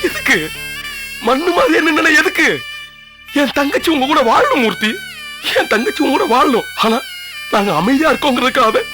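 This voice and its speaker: A pleading older brother. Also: male voice, very high-pitched, very animated, normal speed, long pauses. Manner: earnest, pleading. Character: pleading older brother defending his sister. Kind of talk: TV serial acting. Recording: background score music. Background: background score music.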